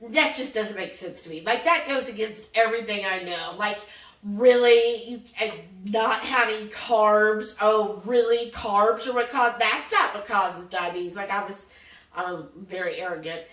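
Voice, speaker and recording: Speaking at a measured pace in a medium pitch, this woman hosts a vlog and chats through something that happened to her. She acts out the conversations animatedly, frequently voicing the quotes herself, while a distant mic picks up a lot of room echo.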